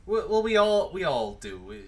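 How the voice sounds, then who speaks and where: A man hosting a casual interview, self-deprecating and quick to laugh. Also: sits high, big pitch swings. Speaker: interview host.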